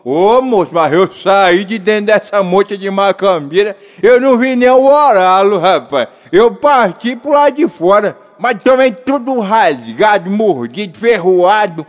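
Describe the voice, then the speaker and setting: Folksy old backcountry cowboy from Minas, played by a man: high, drawling, big pitch swings. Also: lively intonation, a little slow, few pauses. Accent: rural Minas Gerais Portuguese. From northern Minas Gerais, Brazil. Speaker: storyteller. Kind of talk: comic rural tall tale.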